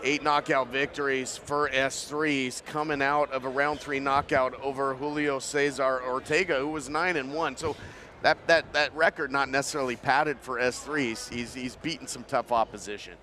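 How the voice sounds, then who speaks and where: A man's voice: medium pitch, fairly even intonation, normal speed, pushed and bright, slight background noise. A man giving live play-by-play boxing commentary, setting up the fight and the fighters' records.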